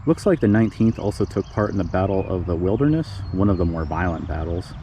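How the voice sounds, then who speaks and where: Speaking quietly so as not to wake the neighbours, a man hosts a vlog narrating the history of a small neighbourhood cemetery on a casual outdoor tour. His voice is low, animated, and fast. The recording is slightly muffled, with outdoor background noise.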